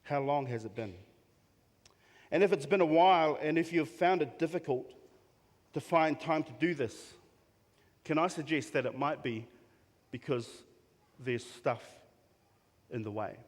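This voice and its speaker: Earnest male pastor in a reverberant hall. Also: fairly high pitch. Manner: earnest preaching with pauses and repeated phrases. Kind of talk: sermon. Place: church hall.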